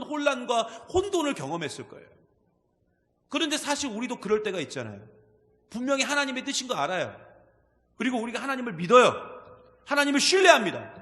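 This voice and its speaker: A man preaches with a fairly high voice that swoops up and down. He talks to the congregation and keeps asking them questions. The sound carries a long church-hall reverb. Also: a bit bright. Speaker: pastor. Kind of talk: sermon.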